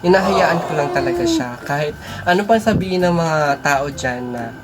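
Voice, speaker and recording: A woman's voice: low-pitched, big pitch swings, moderate pace, heavy background noise. A woman hosting a casual couple vlog, teasing her partner and laughing often. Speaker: couple vlogger, host. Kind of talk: casual vlog chat with viewers. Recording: loud background music.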